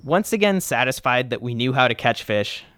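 A male podcast host giving scripted voice-over narration in a smooth storyteller manner. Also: mid-range voice, lively intonation, normal speed, fairly bright tone, no room sound, clean studio sound.

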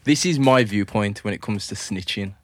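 A man's voice: on the low side, moderate pace. A man with a London roadman accent and slang, insistently making his case in a casual debate among friends.

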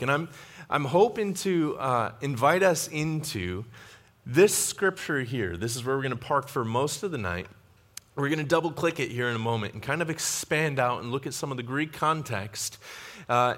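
A medium-pitched man, a pastor, preaches a sermon in a church sanctuary. He teaches in an animated way, often restarting and adding asides.

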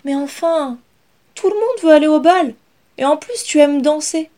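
Woman doing little brother rat, high pitched, loud, baffled. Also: lively intonation, moderate pace. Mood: exasperated. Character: young brother rat, bewildered and eager.

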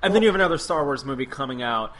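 A man's voice: medium pitch, lively intonation, racing, a bit bright. A man co-hosting a podcast in casual chat, making points emphatically and with confidence. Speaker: podcast co-host.

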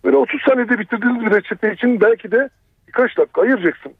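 A man's voice: very high-pitched, very fast, husky, dry recording. A man calling a phone-in show by telephone, arguing his point. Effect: over a telephone. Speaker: phone-in caller, doctor. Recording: tinny, narrow phone line.

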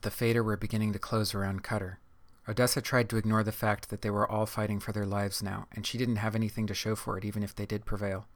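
Low, flat-voiced male narrator. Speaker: audiobook narrator. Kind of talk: scripted narration.

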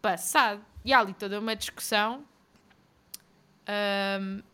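A young woman, co-hosting a casual book chat and recapping a plot in a mocking, animated way. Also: mid-range voice, measured pace, clear, resonant tone. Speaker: podcast co-host.

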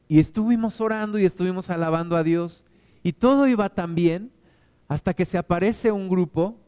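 A man's voice: on the high side, dark tone, clear, resonant tone. A man preaching a sermon as pastor, building emphasis through repeated lines. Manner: preaching with rising emphatic repetition.

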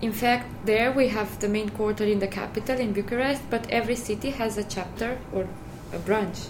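A woman's voice: mid-range voice, brisk, noisy background. A young woman from Romania with a Romanian accent, speaking English as a guest in an interview, earnest and careful, with small restarts. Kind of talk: casual interview talk.

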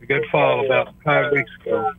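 A man calling in to a radio show over the phone, asking his question in a halting way with many pauses and restarts. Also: medium pitch, steady tone, gravelly, over a noisy crowd. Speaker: caller. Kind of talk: call-in question to a radio doctor. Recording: tinny phone line, dry.

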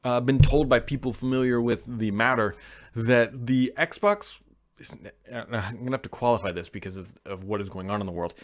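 Male host, medium-pitched, conversational tech commentary and informal advice for viewers. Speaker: host answering viewer questions.

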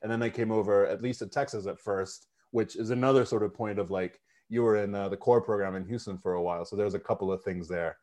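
A man's voice: lowish voice, fairly even intonation, fast talker, hardly any pauses, darkish tone. A man from Mexico hosting a podcast interview, talking in a casual, candid way with fillers and the odd swear word. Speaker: podcast host.

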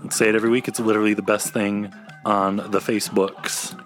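A man's voice: lowish voice, little pitch movement, a little fast, a bit bright, faint music behind. A man chatting casually as co-host of a fan podcast.

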